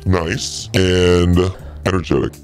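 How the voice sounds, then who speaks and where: A masked guest talks through a demonic voice filter that drops the voice very low, joking as a termite ghoul queen. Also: level tone, darkish tone, soft background music. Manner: playful, hammy and quick to joke. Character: termite ghoul queen, a campy vain undead monarch. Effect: demonic voice filter, pitched far down. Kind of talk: in-character casual chat.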